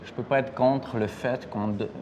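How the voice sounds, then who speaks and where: Hesitant male writer guest, mid pitch, long reverb, faint hiss. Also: fairly even intonation, normal speed, darkish tone. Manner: hesitant, searching for words. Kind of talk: interview answers.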